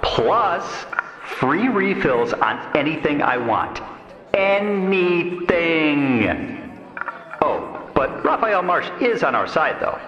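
A dim, chummy villain's henchman played by a man in a comedic audio drama. He rambles casually in a bright, swooping voice with hall-like echo. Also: on the high side, very animated, takes it slowly, dull audio, exaggerated voice. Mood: smug, chatty. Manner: casual, rambling, over-explaining.

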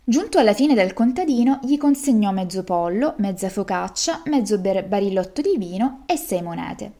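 Expressive woman reading a folk tale. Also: mid-range voice, moderate pace. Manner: lively, expressive narration. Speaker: storyteller.

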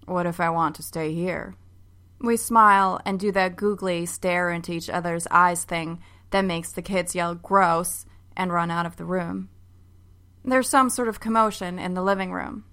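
A woman giving a wry, expressive first-person narration of a family story. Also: fairly low pitch, normal speed, clean tone.

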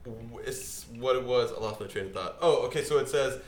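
A man's voice: mid-range voice, brisk. Rambling young man in an echoey room. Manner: rambling storyteller, frequent restarts and word slips. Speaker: podcast co-host. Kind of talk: casual chat. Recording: echoey room, faint noise.

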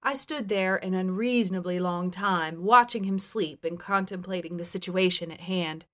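A woman's voice: lowish voice, normal speed, a bit bright. Frank woman narrating her memoir. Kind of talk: first-person memoir narration.

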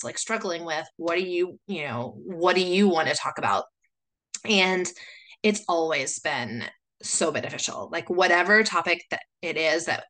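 This podcast host, a woman from the United States, chats on her own in a loose, rambling way, peppering everything with "like" and "you know." She has a somewhat low, slightly bright voice.

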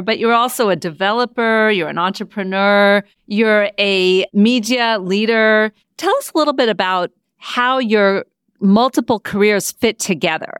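Woman podcast host, polished delivery, smooth clear tone, dry studio sound. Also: medium pitch, a bit bright, no room sound. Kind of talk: scripted intro and interview questions.

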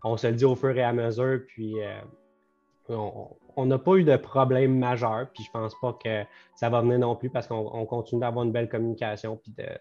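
A young Quebec French-accented man, co-owner of a business, talks loosely and at length in a casual podcast, tossing in English words. His medium-pitched, dark-toned voice is steady and fairly quick, with soft background music and slightly dull lo-fi sound.

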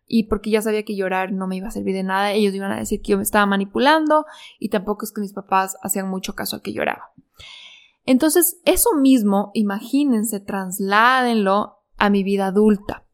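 A woman's voice: medium pitch, brisk. A woman telling a reflective personal story in an earnest, confiding way. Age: adult. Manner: earnest, confiding, many fillers and restarts. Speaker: speaker sharing personal growth story.

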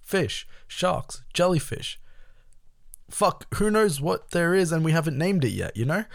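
A young man casually telling a personal story, swearing often, his voice jumping high when he gets worked up. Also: very animated, measured pace, vocal fry, dry recording, studio quality.

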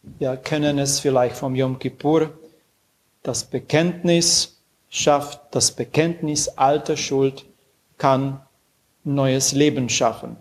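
A man reading a scripture passage and commenting on it in a measured, earnest way, with dramatic pauses. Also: mid-range voice, steady tone.

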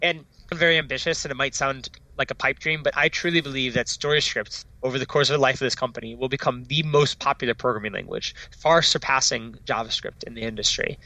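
Bright and forceful at a medium pitch, a startup founder holds a steady tone as he talks fast and eagerly in a casual interview. His speech has a non-Dutch foreign accent and is sprinkled with "like" and sentence-final "right?". The recording is low quality, though free of echo.

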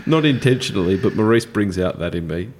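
Jokey low-voiced man hosting a chat show. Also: animated, moderate pace, slight background noise. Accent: Australian. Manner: jokey, rambling banter. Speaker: podcast host. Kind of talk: casual chat.

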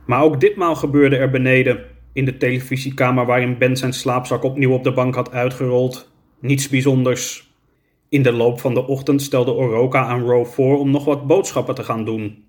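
A man narrating a children's story in a measured, clear storytelling manner. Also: medium pitch, level tone.

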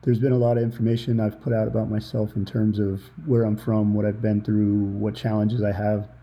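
A man's voice: lowish voice, little pitch movement, a little fast, dull audio. A man hosting a solo motivational podcast from under a towel in a small office, talking informally and reflectively as he thinks aloud. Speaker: podcast host. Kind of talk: free-flowing motivational solo podcast talk. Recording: improvised, under a towel at the computer.

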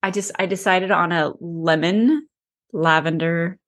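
A woman's voice: lowish voice, a little slow, a bit bright. A tired woman co-hosting a podcast about books, chatting casually and rambling with self-deprecating laughs. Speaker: podcast co-host, author. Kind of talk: casual chat.

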